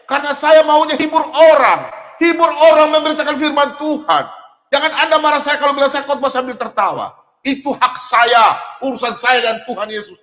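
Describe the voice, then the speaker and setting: A middle-aged man preaching a sermon in an animated way, laughing and at times shouting. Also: very high voice, fairly quick. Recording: long hall reverb.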